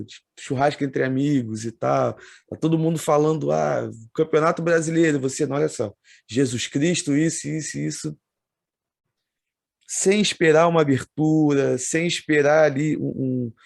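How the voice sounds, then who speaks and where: A man's voice: on the high side, normal speed, creaky, no room sound. A man from Brazil, hosting a podcast and reflecting in casual talk, picking up speed as he makes a point. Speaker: podcast host.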